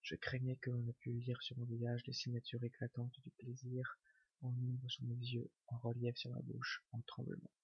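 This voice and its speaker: A man giving a whispered ASMR reading of a novel, slow and hushed. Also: mid-range voice, monotone, creaky, slightly rough, no echo. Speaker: ASMR reader. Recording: dull lo-fi recording.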